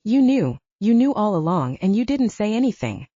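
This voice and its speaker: A woman's voice: medium pitch, big pitch swings, moderate pace, dark tone, no room sound, highs cut off. A woman narrator voicing a distraught young bride who is crying and hiccuping through her complaints. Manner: wailing, exasperated complaints.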